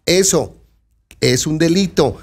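Speaking slowly in a fairly high voice, a Mexican news host comments on local news and addresses his audience directly. He keeps it conversational while warning them to stay careful.

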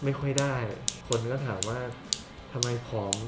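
A man's voice: mid-range voice, normal speed, heavy background noise. A man hosting his vlog from a clinic treatment room, chatting casually and joking about the pain of his treatment. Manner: joking, groans and yelps in pain. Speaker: vlog host getting treatment. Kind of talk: casual chat.

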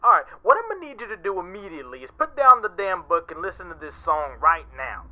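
A man's voice: high-pitched, big pitch swings, fast talker, pushed and bright, heavily acted. A man voicing a playful, pushy father who talks to his son over a phone call, heard through a lo-fi phone line. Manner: boastful, pushy, jokey. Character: teasing playful middle-aged father.

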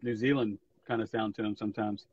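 A man's voice: on the low side, level tone, fairly quick, darkish tone, husky, dull audio. A man being interviewed as a guest musician, telling stories in a laid-back casual way with plenty of "like". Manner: laid-back storytelling, peppered with "like". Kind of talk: casual chat.

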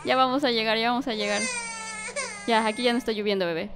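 A woman giving animated let's-play commentary, talking to a baby character and often yelling and laughing. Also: a little high, fast, noisy background. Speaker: gaming youtuber.

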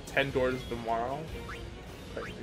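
A man's voice: medium pitch, little pitch movement, measured pace, creaky. A young man co-hosting a gameplay video, joking and playful, a little boastful. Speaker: let's play co-host. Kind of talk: casual gameplay chat. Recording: game music playing behind.

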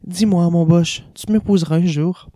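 A man voicing a playful young woman who teases her lover, in a warm, raised voice. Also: sits high, fairly even intonation, moderate pace, no room sound, clean studio sound, voice pushed up, close to an everyday voice. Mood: teasing.

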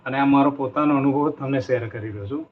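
A man's voice: mid-range voice, quick pace. A man giving a spiritual motivational talk in an earnest way, telling a story and repeating key phrases. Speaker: motivational speaker. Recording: dull lo-fi recording with faint noise.

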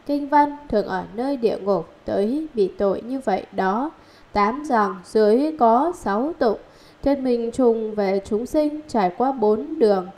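Woman, slightly high voice, steady scripted reading of a scripture commentary, point by point. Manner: measured, steady recitation with enumerated points. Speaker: reader of a Buddhist commentary.

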